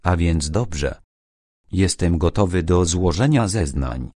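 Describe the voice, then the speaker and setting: A man's voice: deep voice, animated, slow, warm tone, dry recording, clean studio sound, heavily acted. A man voicing a nervous, cornered male suspect who stammers and defends himself feverishly in an audiobook. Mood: resigned.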